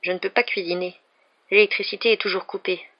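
Brief: storybook grandmother, elderly, kind, matter-of-fact, voiced by a woman reader; gravelly edge. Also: medium pitch, fairly even intonation, fairly quick, lo-fi sound, close to an everyday voice.

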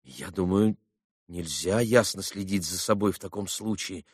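A man doing a soft-spoken, earnest young man. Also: deep voice, a little slow, slightly rough, no room sound, clean studio sound. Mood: thoughtful. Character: gentle, earnest young man, quiet and sincere.

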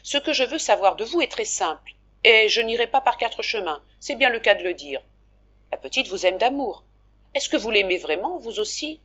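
A woman's voice: fairly high pitch, expressive, normal speed, a bit bright, lo-fi sound, voice pushed up. A woman voicing a blunt aging male shopkeeper who speaks frankly and in a businesslike way, in a storybook reading. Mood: frank, insistent. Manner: frank and businesslike, with a pet phrase.

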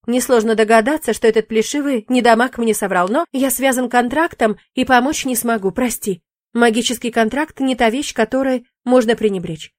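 A woman's voice: fairly high pitch, moderate pace, no room sound, studio quality, pitched above the performer's own voice, close to an everyday voice. A woman voicing a playful, teasing young male demon in an audiobook, in a cheeky, bantering manner.

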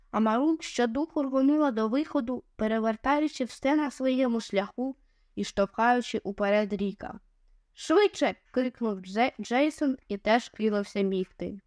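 A woman narrating an adventure audiobook in a measured, expressive way. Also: a little high, dry recording, clean studio sound.

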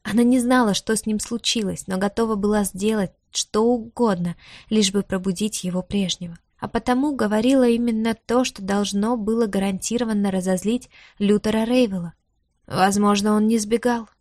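A woman reading a fantasy novel aloud in an even, expressive narration. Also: medium pitch, a little fast, no room sound, studio quality. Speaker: audiobook narrator. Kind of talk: scripted narration.

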